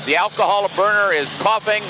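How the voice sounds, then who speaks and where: An American man calling a tractor pull as announcer, with an excitable, folksy commentary manner. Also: sits high, brisk. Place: indoor dirt arena event. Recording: noisy old TV broadcast, engine and arena noise. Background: tractor engines and arena noise.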